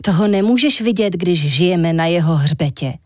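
A woman's voice: on the low side, animated, darkish tone, dry recording, studio quality, close to an everyday voice. A woman reading a children's story, voicing a grumpy, complaining young man. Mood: plain. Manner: grumbling, complaining.

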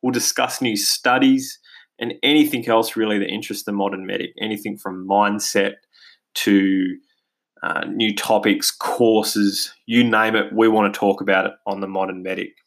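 In a lowish voice with little pitch movement and normal speed, a middle-aged Australian man hosts his own podcast. He's casual and eager, full of fillers and restarts. Recording is done on a basic home podcast mic.

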